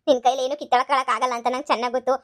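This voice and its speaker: A woman plays a sharp-tongued cartoon mother-in-law who scolds and taunts her rivals. Her voice is high and she talks quickly in a scolding rush. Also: lightly acted. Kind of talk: cartoon comedy voice acting.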